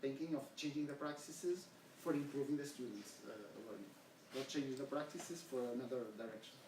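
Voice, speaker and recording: Speaking a little fast at a medium pitch, this middle-aged man from Portugal presents his education research in English at a seminar. His Portuguese accent comes through as he earnestly asks the audience questions. He sounds far from the mic in an echoing room, and a faint hiss runs underneath.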